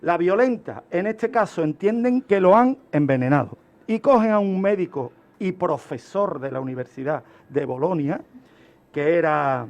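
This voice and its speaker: On a radio segment recorded in a studio, a male guest with a noticeably high, darkish-toned voice walks listeners through criminology and a historical case. His style is instructional, with emphatic stress on key points and rhetorical questions he then answers.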